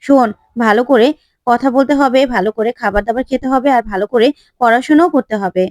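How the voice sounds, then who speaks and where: A woman's voice: a little high, fast, a little mellow, no echo, natural voice. A woman voicing a jealous, bossy young woman of the family.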